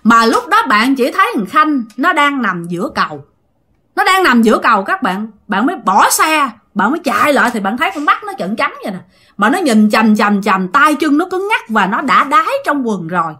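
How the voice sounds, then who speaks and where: A woman's voice: sits high, big pitch swings, normal speed, sharp tone. A woman with a Southern Vietnamese accent, animatedly telling a ghost story sent in by a listener and addressing her audience directly.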